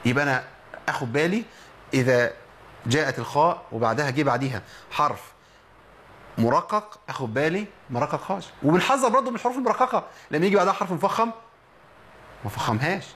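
A man with an Egyptian accent teaching Quran recitation on a program, explaining patiently and drawing out example words slowly. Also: fairly high pitch, expressive, fairly bright tone. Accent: Egyptian Arabic. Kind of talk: tajweed lesson on a program.

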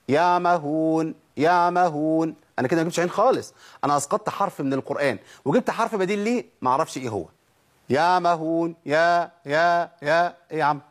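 Husky Egyptian man teaching recitation. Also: a little high. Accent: Egyptian Arabic. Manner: explains step by step, demonstrates letter sounds slowly. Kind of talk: tajweed lesson.

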